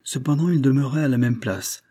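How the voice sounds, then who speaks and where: A man narrating a classic novel as an audiobook in a measured, expressive reading. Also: mid-range voice, slightly rough, no room sound, studio quality.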